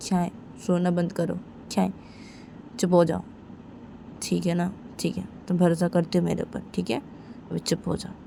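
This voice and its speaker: Lady doing a young woman talking someone down, repeats herself a lot, raspy fry. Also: on the low side, completely flat delivery, moderate pace, pauses often, dark tone, slight background noise. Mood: soothing. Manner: repetitive, coaxing, soothing. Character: young woman Sunaina, hurt then reassuring.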